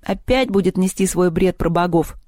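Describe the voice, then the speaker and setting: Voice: mid-range voice, normal speed, darkish tone, dry recording, studio quality, natural voice. The narrator of an audiobook voicing a nervous, pedantic schoolboy who sums things up formally.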